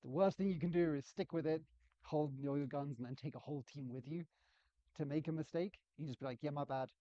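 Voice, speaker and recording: A man's voice: fairly high pitch, a little fast, warm tone, no room sound. A man giving a casual lecture on game development, chatty and self-deprecating, acting out quotes. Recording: dull, slightly lo-fi sound.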